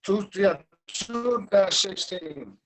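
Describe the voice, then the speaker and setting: A city councilman speaking over a glitchy, breaking-up cell phone connection, halting and repeating himself. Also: high-pitched, expressive, slight background noise. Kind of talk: council meeting remarks. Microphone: cell phone on a video call.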